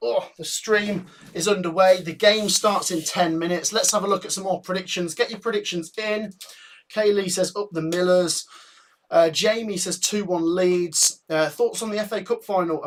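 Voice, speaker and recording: A man in his thirties with a high-pitched voice hosts a live football watch-along. He chats casually, reads out viewer predictions and thanks donors with enthusiasm. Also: moderate pace. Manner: chatty, reads viewer comments aloud, thanks donors warmly. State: out of breath. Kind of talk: casual live-stream chat.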